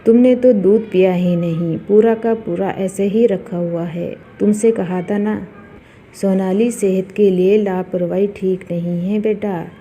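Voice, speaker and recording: A woman voicing a worried, caring middle-aged mother in a spoken horror story, gently coaxing her grown daughter. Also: medium pitch, fairly even intonation, measured pace, a little hiss or hum, lightly acted. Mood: concerned.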